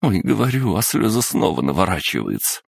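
A man reading an audiobook voices an emotional middle-aged mother who talks in a shrill, exclamatory, melodramatic way. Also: big pitch swings, fairly quick, gravelly, husky, no echo, studio quality, heavily acted. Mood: tearful.

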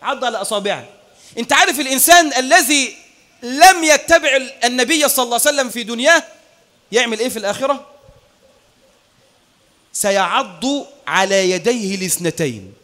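High-voiced Egyptian preacher in a reverberant hall. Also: male voice, expressive. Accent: Egyptian Arabic. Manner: swings between quiet asides and shouted, drawn-out Quranic recitation. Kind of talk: sermon.

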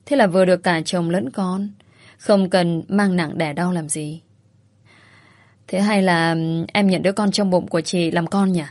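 A woman's voice: fairly low pitch, fairly even intonation, a little slow, darkish tone, dry recording. Woman doing a sly, needling young woman. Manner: teasing, needling.

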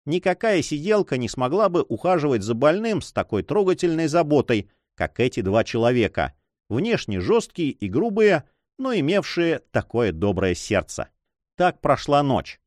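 A man reads a story aloud in an expressive storytelling manner. His pitch rises and falls in lively swings. The recording is dry and close. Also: normal speed, dry recording. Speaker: audiobook narrator. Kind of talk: scripted narration.

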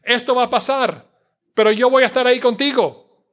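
A man's voice: very high-pitched, normal speed, a bit bright. A man preaching a sermon in a conversational, joking way, slipping in English words and talking to the congregation.

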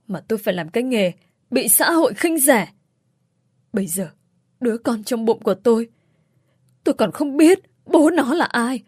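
Woman doing an enraged young woman, high, loud and bitter, dry close sound. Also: slightly rough, dry recording. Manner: shouting, bitter. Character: furious wronged young woman with a knife.

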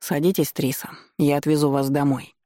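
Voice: mid-range voice, level tone, normal speed, mellow, no room sound, studio quality, natural voice. Чтец озвучивает скупого на слова, сдержанного лэрда-мужа с вкрадчивым тоном. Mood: сдержанный. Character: сдержанный властный лэрд-муж.

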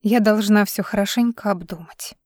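A woman reading an audiobook, voicing a heartbroken young woman who speaks softly and quietly. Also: mid-range voice, moderate pace, dry recording, studio quality, lightly acted. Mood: sad. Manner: soft, subdued.

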